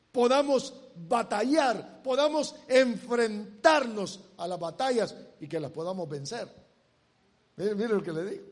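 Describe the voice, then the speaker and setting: A man's voice: high voice, darkish tone, long reverb tail. A male preacher delivering a sermon, emphatic and repetitive, urging his listeners again and again to look. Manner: emphatic, repeats "look, look" to the congregation.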